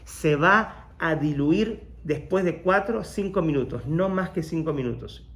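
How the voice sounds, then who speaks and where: A rabbi leads a workshop, a man with a slightly high voice who tells his story with energy. He jumps into the voices of the people he quotes, then falls back into a calmer teaching tone. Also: measured pace. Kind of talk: personal story in a motivational talk.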